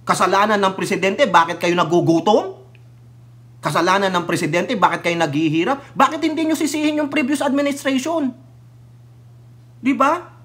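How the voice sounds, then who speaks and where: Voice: medium pitch, a bit bright. Filipino vlogger ranting about politics, combative and mocking, keeps firing rhetorical questions and cussing. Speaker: political commentator. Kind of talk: heated political commentary rant.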